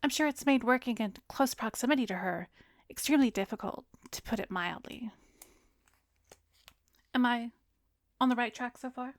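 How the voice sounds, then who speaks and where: A woman lightly acts a composed, soothing therapist who is secretly an arrogant vampire, talking to the listener in ASMR roleplay. Her fairly high voice is gentle, measured and professional, often dropping to a breathy whisper as she probes and insinuates. The close studio microphone gives a dry sound with no room tone.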